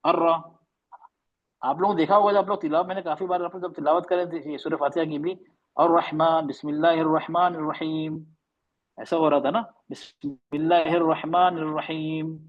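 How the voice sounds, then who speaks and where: A man teaching an online class on recitation, patiently stretching and repeating example sounds. His voice sits a little high and sounds husky. The recording is dull and lo-fi. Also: fairly even intonation. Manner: explains patiently, demonstrates sounds slowly and repeats them. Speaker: tajweed teacher.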